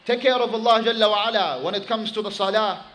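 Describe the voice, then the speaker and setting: High-voiced man preaching with emphasis. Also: poor audio. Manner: animated, emphatic preaching, recites Arabic quickly. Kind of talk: sermon with storytelling.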